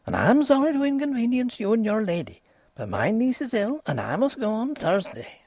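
A man reading an audiobook, voicing a placid, superstitious old peasant housekeeper in rustic dialect, with a husky voice. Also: extremely high pitch, sing-song, normal speed, a little mellow, no room sound, studio quality, pitched above the performer's own voice, exaggerated voice. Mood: insistent. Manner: rustic dialect grammar, grave and ominous. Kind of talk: audiobook character voice.

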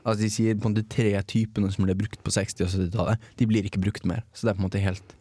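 Male student-radio co-host, hesitant and chatty, low voice, dry mic. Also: little pitch movement, dark tone, husky, no echo. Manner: rambling, hesitant, with many fillers. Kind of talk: casual radio chat.

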